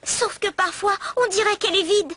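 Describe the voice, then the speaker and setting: A woman voicing a spirited, anxious young heroine in an animated series dub. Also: extremely high pitch, normal speed, dry recording. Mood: teasing. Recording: loud music over the voice.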